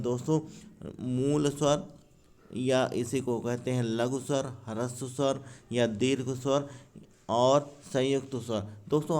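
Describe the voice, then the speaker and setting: A man with a smooth, medium-pitched, darkish voice teaches grammar for an exam, working from handwritten notes. An exam-prep YouTube teacher, he calls his viewers friends and poses questions that he then answers himself.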